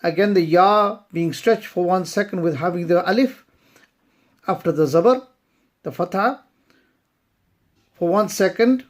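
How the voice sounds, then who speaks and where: A woman teaching recitation, chanting verses slowly and then explaining pronunciation rules in brisk spoken asides. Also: lowish voice. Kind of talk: slow tajweed lesson.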